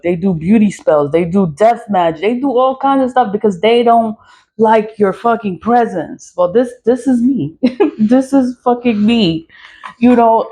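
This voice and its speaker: A social media creator in her mid-forties rants casually to followers in a warm, mid-range voice. She's blunt and profane, laughing often between points in this vlog.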